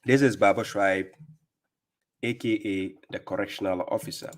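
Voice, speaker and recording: A man's voice: lowish voice, fairly even intonation, normal speed. A middle-aged man from Ghana with a Ghanaian accent, hosting a live-stream religious talk, speaking emphatically and checking in with "right?" as he goes. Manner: emphatic, repeats "right?" often, greets viewers by name. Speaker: livestream host and religious speaker.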